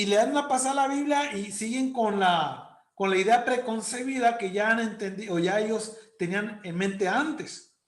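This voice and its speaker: A man's voice: high voice, fairly bright tone. Guy teaching bible study at church, talks casual, keeps asking the room stuff, kinda echoey. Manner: conversational, asks the congregation questions, frequent "¿verdad?". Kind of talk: church Bible class lesson.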